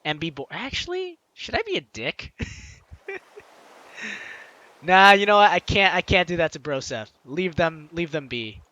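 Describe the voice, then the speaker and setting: Reading the game's text out loud, this let's-play host uses a high, energetic voice that's bright and forceful, breaking into teasing, exclamatory asides aimed at viewers over background music. He's unhurried and pauses often, and the lo-fi recording has no echo.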